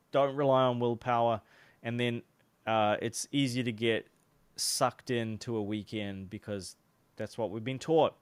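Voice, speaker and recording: A young online business coach with a New Zealand accent and a smooth, mid-range voice gives casual advice to the camera. He is loose and chatty, with lots of fillers and restarts, on a dry recording.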